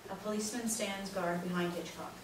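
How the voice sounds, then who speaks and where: Stage directions from a script are read fairly quickly by a woman narrator with a mid-range voice and a steady tone. It's a play reading captured from far away in a very echoey room, and the sound is noisy.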